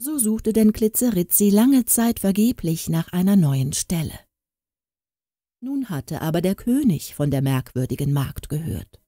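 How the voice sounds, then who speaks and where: A woman narrating a fairy-tale audiobook with expressive storytelling delivery. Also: lowish voice, a little slow, dry recording, studio quality.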